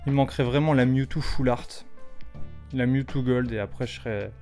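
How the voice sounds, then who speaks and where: Man, 30s, casual card-opening vlogger, excitable and loud at big pulls, faint music underneath. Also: medium pitch, normal speed. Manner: excitable, exclaims loudly over cards. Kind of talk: casual vlog commentary.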